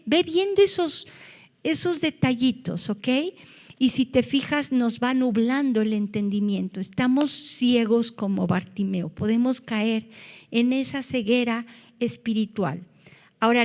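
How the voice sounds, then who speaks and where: High-voiced woman preaching slowly in a hall. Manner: earnest, rises to loud cries when quoting scripture. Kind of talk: sermon.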